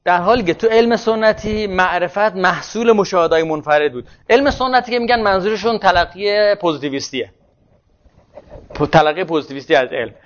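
A man's voice: sits high, dull audio. A man giving a classroom lecture on social theory, thinking aloud and often restarting words mid-phrase.

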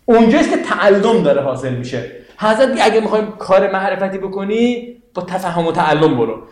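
Male religious studies teacher, high voice, chatty lecture style, keeps checking the class follows, echoey room.

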